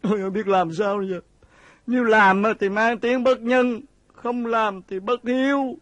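An actor playing an anxious, fretful young servant son in a Vietnamese reformed opera, pleading with comic stammering, with a southern Vietnamese accent. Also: male voice, high-pitched, fairly even intonation, moderate pace, no echo. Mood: distraught. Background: loud stage music.

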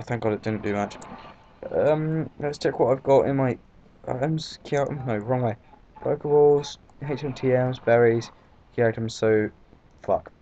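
A mellow, medium-pitched male voice with a British accent offers loose, casual commentary on a game, heavy on fillers and curse words. He's a let's-play commentator. A dull lo-fi mic picks him up against faint background noise.

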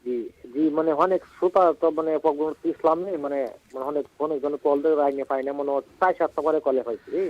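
Guy from mymensingh phoning into a radio show, quick and a bit high, lots of ums and "right?", dull phone line sound. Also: no echo. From Mymensingh, Bangladesh. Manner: hesitant, many fillers and checks for agreement. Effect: caller heard over a phone line on radio. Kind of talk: casual phone-in question.

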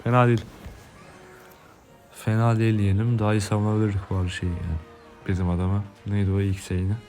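A Turkish-accented man commentating his mobile game casually, cursing and yelling when frustrated. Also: lowish voice, level tone, quick pace, faint music behind. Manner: swearing, yells in frustration. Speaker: gaming streamer.

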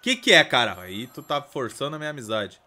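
A man with a Brazilian Portuguese accent giving let's play commentary as a gaming streamer, swearing constantly and breaking into loud outcries. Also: mid-range voice, a little fast. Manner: profane, excitable, bursts into loud outcries.

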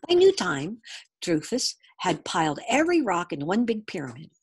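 A woman reading a picture book aloud with expressive, animated storytelling. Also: fairly low pitch, moderate pace, slightly rough. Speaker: storybook reader.

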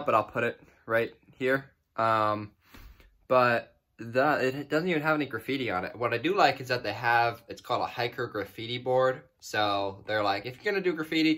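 A man's voice: mid-range voice, bright, forceful tone, dry recording. A man hiking a long trail, talking to the camera in a casual, rambling way and laughing easily, recorded outdoors. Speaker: thru-hiker vlogger.

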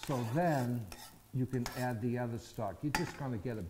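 Against a noisy background, a middle-aged chef runs a cooking demonstration indoors on a studio kitchen set. He walks through each step at normal speed in a medium-pitched voice, frequently checking in with "okay?" and "all right?".

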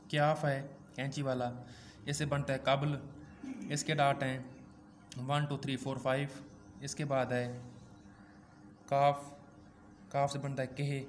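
A man's voice: mid-range voice, slight background noise. A man teaching a braille lesson, patiently repeating each step and reciting dot numbers.

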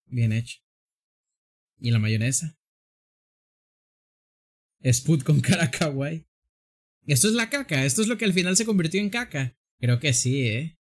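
A man's voice: medium pitch, fairly bright tone. A man streaming a drawing game, joking, exclaiming and laughing often. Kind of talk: casual gameplay commentary.

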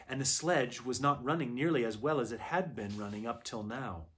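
A man's voice: mid-range voice, normal speed, fairly bright tone. Man reading a children's story aloud. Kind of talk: unhurried read-aloud narration.

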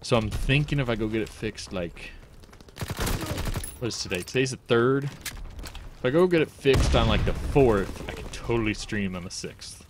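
Animated man streaming a shooter. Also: mid-range voice, background noise. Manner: animated, jokey, quick exclamations. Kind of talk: casual gameplay commentary. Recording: game gunfire under the voice. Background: game gunfire and explosions.

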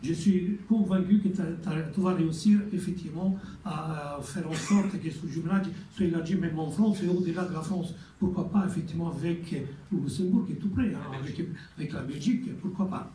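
A man with an Italian accent delivers a formal speech at a ceremony, pausing and repeating words as he goes. His voice is dark and slightly high, and it is heard from a distance in an echoey hall with faint noise behind it. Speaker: community representative giving a speech.

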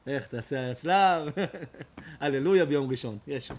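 A man, a rabbi, preaching an emotional storytelling sermon, shifting dramatically between loud outcries and hushed tones. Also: mid-range voice, a little hiss or hum.

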